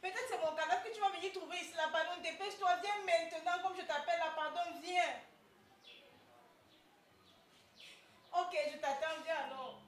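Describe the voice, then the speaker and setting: An aggrieved daughter, played by a woman, who pleads and complains. Her voice sits very high. It is heard from a distance in an echoey room with clear background noise. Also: steady tone, fast talker, a bit bright. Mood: urgent. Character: aggrieved young daughter disowned by her father.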